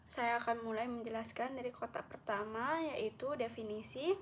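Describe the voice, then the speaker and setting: A young woman, a medical student, giving a recorded class presentation, reading carefully and correcting herself often. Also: on the high side. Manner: careful explanatory reading with frequent self-corrections.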